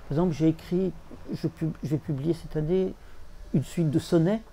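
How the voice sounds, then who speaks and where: A man talking as a literary translator before an audience, halting, repeating words and chanting verse rhythms. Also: fairly high pitch, dark tone, a little hiss or hum. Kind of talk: bookshop talk with audience.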